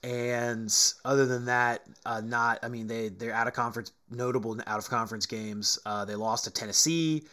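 A man's voice: mid-range voice, fairly even intonation, normal speed, few pauses, sharp tone. A man co-hosting a sports talk show, bluntly reading out stats and teasing his partner. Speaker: co-host.

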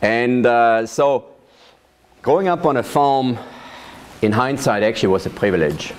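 A man, recounting his life in a measured, storytelling way during an oral history interview. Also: mid-range voice, expressive, a little hiss or hum. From Switzerland. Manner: measured storytelling with occasional laughs. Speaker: interviewee, vineyard manager. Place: his farm.

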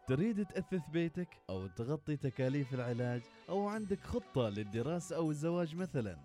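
A man's voice: medium pitch, mellow. A man reading a scripted infomercial-style advertisement as a sponsor announcer.

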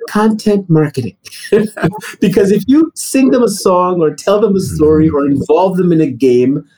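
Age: middle-aged. Sex: man. Origin: Nigeria. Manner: animated storyteller. Timbre: dark, husky. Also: normal speed, poor audio. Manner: animated storytelling, rising high for emphasis. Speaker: guest. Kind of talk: interview answers.

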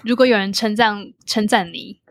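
A woman's voice: mid-range voice, fairly even intonation, moderate pace, dry recording. Young Taiwanese-accented woman, close dry sound. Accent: Taiwanese Mandarin. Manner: occasional English words mixed into Mandarin. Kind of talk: casual reflective conversation.

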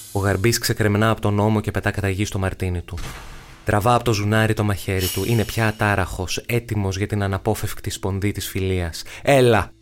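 A man reads a novel aloud in a very deep, level voice. He measures each phrase and lets pauses hang, with faint music behind him. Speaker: actor narrating a novel. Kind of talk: audiobook narration.

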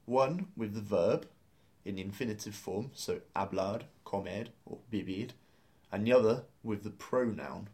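Male lesson host, fairly low voice, upbeat explainer who laughs easily. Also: measured pace, few pauses, dark tone. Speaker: language course host.

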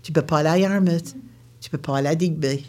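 A woman voicing a stern male driving inspector with a gruff, clipped manner, in a spoken story. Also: low-pitched, quick pace, a little mellow, voice pushed down, natural voice.

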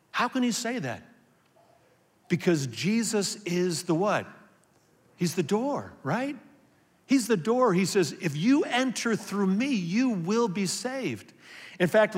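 A fairly high-voiced man preaches to his congregation, earnest and heartfelt. He pushes up to emphatic peaks, then drops soft and low to tell a story, and his words ring out in a long church reverb. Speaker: pastor. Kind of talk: sermon.

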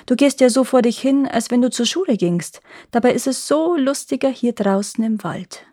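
A woman voicing a sly, hungry male wolf in a fairy tale reading, talking low and coaxing. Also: lively intonation, normal speed, dark tone, no echo, studio quality. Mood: sweet-talking. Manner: low, scheming, sweet-talking.

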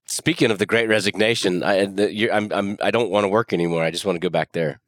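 A man co-hosting a casual podcast, telling stories in an animated way with stumbles and restarts. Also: lowish voice, fast, no echo, clean studio sound. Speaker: podcast co-host. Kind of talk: casual chat.

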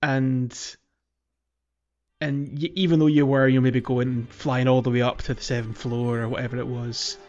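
Over background music in slightly dull audio, a podcast host discusses a video game casually, rambling and hesitating while he thinks aloud. He speaks in a mid-range, somewhat mellow voice, flatly and at a moderate pace.

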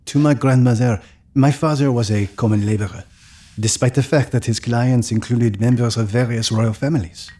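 Playing a grown son who thoughtfully recalls his parents' troubled marriage, this man performs in an audio drama about family history. He speaks at normal speed with a mellow, medium-pitched voice, fairly even intonation, and only light acting, keeping a measured, reflective mood.

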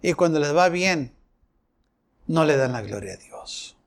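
High-voiced impassioned male preacher. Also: animated, measured pace, creaky. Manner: impassioned preaching, voicing prayers and quoted complaints. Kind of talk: sermon.

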